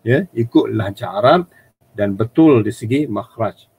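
A man with a Malaysian Malay accent, a religious studies teacher running a live exam workshop, modelling Arabic recitation slowly and correcting pronunciation. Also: lowish voice, animated, a little mellow, husky. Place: online live session.

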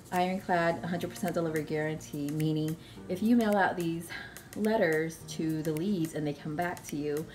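A woman's voice: deep voice, a little mellow. A woman vlogger in casual chat, talking in a chatty, rambling way with many fillers. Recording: background music clearly heard.

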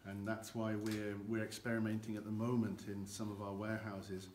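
In a large, dim barrel warehouse with an earthen floor, an older man serving as a guide explains cognac aging, gesturing with both hands, filmed by a camera a few meters off. His voice is fairly low, flat and darkish at a normal speed, and the echoey space adds faint noise.

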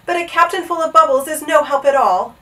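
A woman's voice: high-pitched, fairly quick, pushed and bright, recorded from a distance, voice pushed up, low-quality recording. A woman voicing an earnest, alarmed young boy in a storybook, exclaiming with breathless urgency. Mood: determined. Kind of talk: animated storybook character voice.

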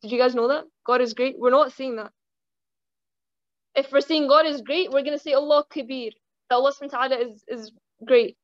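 A young woman giving a casual religious reminder, chatting with the audience, asking them questions and reciting Arabic quickly. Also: sits high, steady tone, no echo. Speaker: Islamic reminder speaker. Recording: dull lo-fi dry sound.

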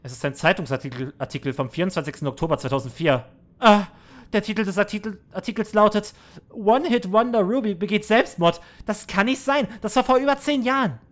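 A man's voice: high-pitched, brisk. A man reading game text aloud and commenting in a let's play, earnest and somber, with small restarts.

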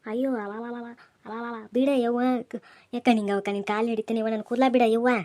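A woman's voice: on the high side, steady tone, fast talker, darkish tone, natural voice. A woman voicing a meek, tearful young village bride who pleads, with a North Karnataka Kannada accent. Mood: pleading.

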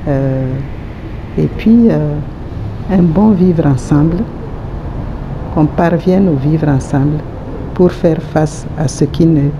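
Low-voiced woman, hesitant wish. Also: takes it slowly, pauses often, background noise. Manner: hesitant, with fillers. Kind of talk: vox pop wish.

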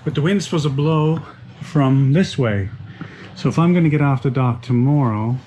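A man's voice: mid-range voice, moderate pace, mellow, slight background noise, rough recording. Easygoing man rambling on a boat. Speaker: boat vlog co-host. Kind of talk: casual vlog chat. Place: outdoors on a boat and a marina.

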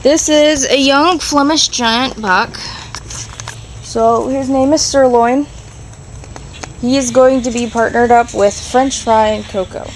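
This rabbit-keeping vlogger is a young woman with a fairly high voice. She films a casual tour of her straw-strewn barn and yard on a handheld phone camera, wandering indoors and out and musing aloud with frequent ums. The recording is rough, with slight background noise.

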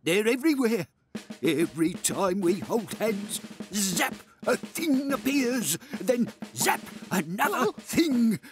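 A woman's voice: medium pitch, very animated, slow pace, music in the background. A woman voicing an earnest, worried cartoon character who stands guard. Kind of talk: animated children's cartoon.

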